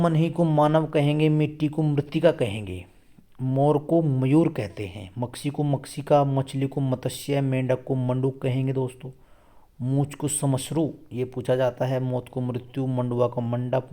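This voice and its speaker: Male tutor, mellow mid-pitched voice, running through exam vocabulary lists at a brisk drill pace. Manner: rattles off word pairs, addresses viewers as friends; quick self-corrections. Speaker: Hindi grammar teacher. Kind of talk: exam-prep word list lesson.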